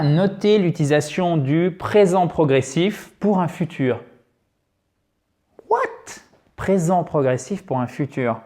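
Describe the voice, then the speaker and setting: A man teaching an English grammar lesson on video, lively and chatty, often checking in with his viewers. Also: fairly high pitch.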